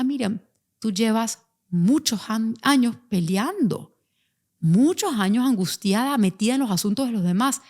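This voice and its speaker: A woman telling a personal parenting story in an animated monologue, acting out the voices of the people she quotes. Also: on the high side. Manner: animated, acts out quoted voices, mixes in English words.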